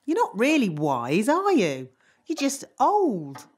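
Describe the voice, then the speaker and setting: An actress playing a self-assured, unapologetic fairy nanny with a British accent in a children's cartoon. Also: female voice, a little high, wildly swooping pitch, slow, darkish tone, breathy edge, heavily acted. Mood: indignant, blunt. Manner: blunt, unapologetic. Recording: music behind the voice.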